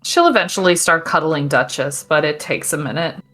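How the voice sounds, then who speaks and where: Lower-voiced woman playing a tabletop game. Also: animated, normal speed, fairly bright tone. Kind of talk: casual in-game narration.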